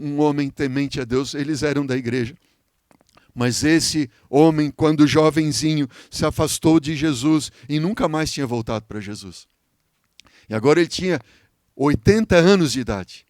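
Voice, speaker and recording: A Brazilian man preaching a sermon as pastor, telling a story with emotion, swinging from loud appeals to soft, hushed lines and asking the congregation "Amém?". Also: on the high side, clean tone, no room sound. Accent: Brazilian Portuguese.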